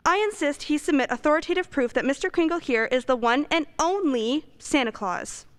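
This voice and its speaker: A woman's voice: sits high, animated, brisk. A woman playing an indignant prosecuting attorney in an amateur radio play, formal and insistent.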